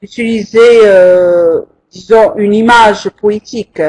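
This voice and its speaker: A language teacher leads a live online class at a very unhurried pace. The delivery is patient and halting, full of hesitations, and the teacher counts syllables out slowly and deliberately. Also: mid-range voice, steady tone, darkish tone. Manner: slow, patient, with frequent hesitations. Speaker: French teacher.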